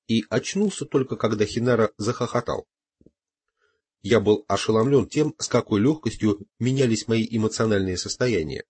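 A man narrating an audiobook in first person with a measured, expressive reading. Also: fairly low pitch, breathy edge, no echo.

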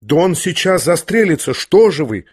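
A man's voice: fairly high pitch, very animated, normal speed, breathy edge, pitched above the performer's own voice. A man voicing a frightened young woman who pleads with others, in an audiobook. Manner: alarmed, urgent.

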